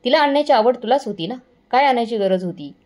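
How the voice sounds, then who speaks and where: A woman's voice: on the high side, lively intonation, fast, a little mellow, close to an everyday voice. A woman voicing a harsh, scornful young husband in a spoken story. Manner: contemptuous, scolding.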